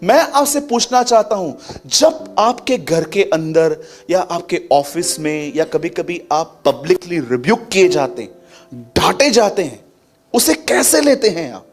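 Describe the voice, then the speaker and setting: A male pastor preaching an animated sermon, acting out quotes as he tells stories. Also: high voice, measured pace. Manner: animated, acts out quotes and laughs. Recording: faint music behind.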